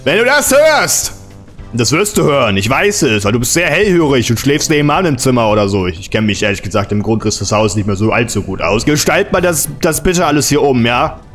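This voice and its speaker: A man's voice: medium pitch, very animated, fairly quick, a bit bright, faint music behind. A man hosting a comedic horror game let's-play, talking sarcastically and exclaiming.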